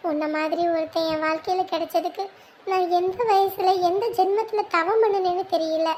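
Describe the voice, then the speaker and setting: A woman's voice: very high-pitched, fairly even intonation, moderate pace, a little mellow, slight background noise. An actress playing a doting young wife speaking tenderly to her sleeping husband in a family drama. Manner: tender, adoring. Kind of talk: family web drama acting.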